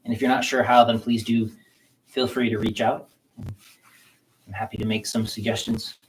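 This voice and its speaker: A man teaching a qigong self-massage class, guiding listeners slowly and gently through the practice. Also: on the low side, a little hiss or hum, rough recording. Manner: slow, calm, gentle guiding talk. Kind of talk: guided self-massage instruction.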